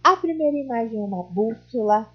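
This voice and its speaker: A woman teacher explains a worksheet to first graders at a patient, step-by-step pace and keeps checking that they follow. Her voice sits fairly high with a husky edge. The recording sounds dull and lo-fi. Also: lively intonation, brisk. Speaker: primary school teacher. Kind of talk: recorded remote class.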